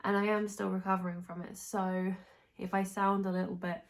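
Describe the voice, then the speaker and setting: Speaking to camera for her knitting podcast, this young English host sounds hoarse and stuffed up as she gets over being sick. She talks fairly quickly in a level, mid-range voice, wandering off and starting over as she goes.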